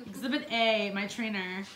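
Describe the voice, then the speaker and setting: A woman in her twenties with a hoarse, lost voice, chatting playfully and teasing herself in a casual travel vlog filmed on a phone in a resort room. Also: medium pitch, slow pace, fairly bright tone, slight background noise, low-quality recording. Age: 20s. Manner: chatty, self-mocking, playful. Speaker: vlogger. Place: resort hotel room in the tropics. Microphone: handheld phone camera.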